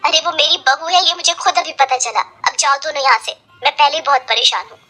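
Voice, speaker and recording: A woman voicing an exasperated middle-aged mother-in-law in a cartoon story, loud, scolding and dramatic. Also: sits high, steady tone, fairly quick, soft background music. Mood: irritated.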